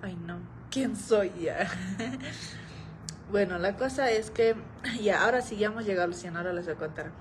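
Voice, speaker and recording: A young woman chats straight to her followers in a casual vlog, looping back over her own phrases as the story builds. Her voice sits at an ordinary middle pitch, with a faint hiss behind it. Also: normal speed, pauses often, rough recording. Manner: chatty, repeats phrases, keeps addressing viewers. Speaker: vlogger.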